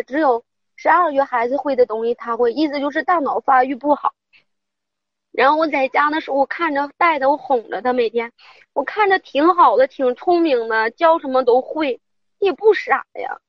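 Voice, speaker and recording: A woman's voice: high voice, no echo, highs cut off. A middle-aged woman, calling in to an advice show and telling her story in a rambling, upset way. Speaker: caller. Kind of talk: phone-in advice call.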